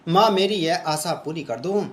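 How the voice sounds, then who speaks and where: A man's voice: a little high, unhurried, roomy sound, natural voice. A man voicing a grieving, devoted young wife who pleads tearfully in prayer. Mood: pleading prayer.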